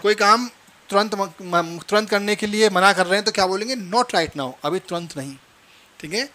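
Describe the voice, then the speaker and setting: A man teaching spoken phrases, repeating each phrase and checking that it is clear. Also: sits high, bright, forceful tone. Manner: explains each phrase slowly, repeating it, often asking "clear?". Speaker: English teacher. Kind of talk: spoken English lesson.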